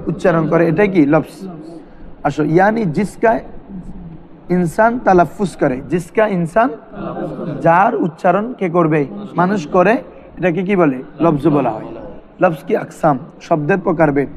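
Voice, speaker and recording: High-voiced man teaching a class. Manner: questioning students, repeating terms for them to answer. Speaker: madrasa teacher. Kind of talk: classroom grammar lesson.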